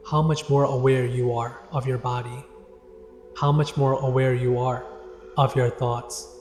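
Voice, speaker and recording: A man narrates a guided meditation over background music, and the recording is echoey and reverberant. He speaks calmly and deliberately with little pitch movement, pausing between instructions.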